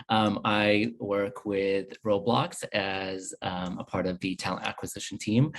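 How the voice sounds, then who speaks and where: A man hosts a panel discussion with a fairly low voice. He speaks in a measured, unhurried way, often pausing on fillers as he introduces speakers. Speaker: panel moderator. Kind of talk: hosting a virtual panel.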